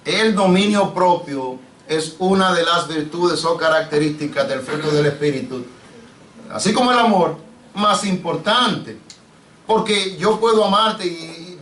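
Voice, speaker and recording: Un pastor predicando con acento caribeño a su congregación, con preguntas frecuentes y tratándolos de hermanos. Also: male voice, sits high, fairly bright tone. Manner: preachy, asks the congregation questions, addresses them as brother. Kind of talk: sermon. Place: church sanctuary. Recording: echoey church, mic off at a distance.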